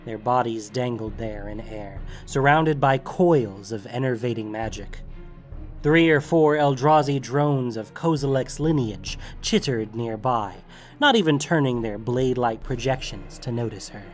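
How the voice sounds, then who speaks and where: Male narrator: mid-range, dramatic, steady story reading. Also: medium pitch, unhurried, soft background music.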